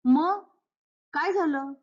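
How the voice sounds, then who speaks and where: A woman's voice: sits high, drawn-out words, lo-fi sound, voice pushed up. A woman voicing an impatient, demanding young husband in a Marathi play reading. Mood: exasperated. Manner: demanding, exasperated.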